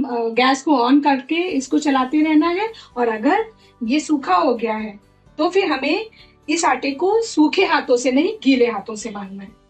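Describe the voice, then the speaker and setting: Middle-aged woman, high-pitched, talks viewers through a kitchen recipe step by step, faint music under her. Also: a little mellow. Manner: step-by-step explaining while cooking. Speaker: cooking instructor. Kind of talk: cooking demonstration. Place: home kitchen. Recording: light background music.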